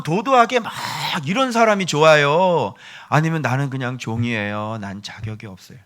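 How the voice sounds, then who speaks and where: A male pastor preaching a sermon in an emphatic, scolding way, swinging between loud bursts and whispers and acting out quoted prayers. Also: on the high side. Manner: acts out quoted prayers and speech.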